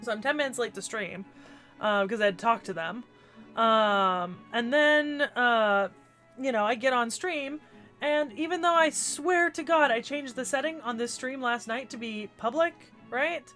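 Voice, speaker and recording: Her voice fairly high and fairly bright, a woman keeps a measured pace as she games on stream with soft music underneath. She sounds stuffy from a cold, and her casual, rambling talk has many restarts and a stray swear or two.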